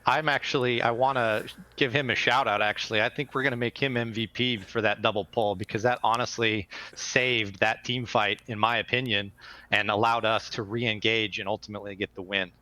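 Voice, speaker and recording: A man's voice: fairly low pitch, fairly even intonation, fairly quick, pushed and bright. A man explaining his team's game plan in a casual post-match interview, rambling and self-deprecating. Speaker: team player interviewed after match.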